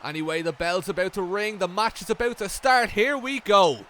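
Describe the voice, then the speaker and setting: A man doing mock wrestling commentary, hyped and stammering, with deadpan jokes. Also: high voice, normal speed, slight background noise.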